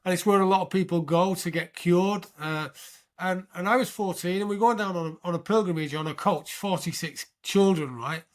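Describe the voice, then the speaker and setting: Older British man, high animated storyteller. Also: normal speed. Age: 60s. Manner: animated storyteller, keeps checking in with "right?". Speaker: podcast guest, military veteran. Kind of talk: storytelling interview.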